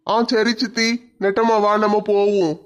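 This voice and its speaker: A woman voicing a mild young husband, speaking calmly. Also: mid-range voice, normal speed, lightly acted. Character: mild-mannered adult son, husband caught in the middle.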